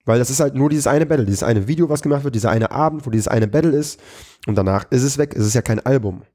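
A man's voice: medium pitch, fast talker, mellow. A man being interviewed as a comedian and battle rapper, talking casually in a slangy way full of fillers and restarts.

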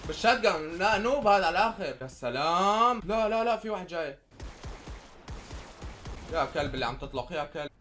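Young man, Syrian accent, gameplay commentary, high bright voice, faint game noise behind. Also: fairly quick, pauses often. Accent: Syrian Arabic. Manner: excitable, shouts and pleads at other players. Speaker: gaming YouTuber. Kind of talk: excited live gameplay commentary.

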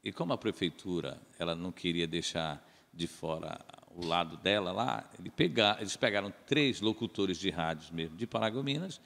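Gravelly man. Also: low voice, normal speed, few pauses, in a large hall. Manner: rambling, animated storytelling. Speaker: podcast guest, radio announcer. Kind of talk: casual storytelling.

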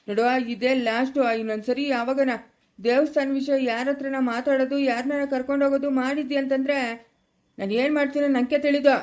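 A woman's voice: high voice, fairly even intonation, brisk, darkish tone. A woman with a Kannada accent from Chikkaballapura, acting in a family drama, scolding and lecturing a young man.

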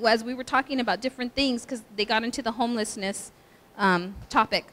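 This middle-aged woman pastor has a high, girlish voice, pitched well above what is typical for a woman. Addressing a women's breakfast, she is chatty and animated, with plenty of asides. Her words trail off into a long hall reverb.

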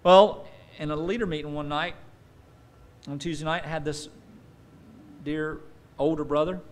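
Speaking unhurriedly in a fairly high voice, a man in his forties delivers a sermon into a stand mic at a lectern. He's a pastor on a church stage with a dark curtain, telling animated stories and performing the voices of those he quotes.

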